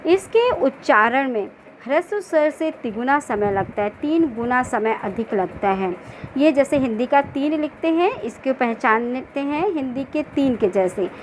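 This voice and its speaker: A woman teacher giving a grammar lesson, asking the class questions and answering them herself, repeating key points slowly and stretching out example words. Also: high-pitched, lively intonation, slight background noise, rough recording. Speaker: school teacher.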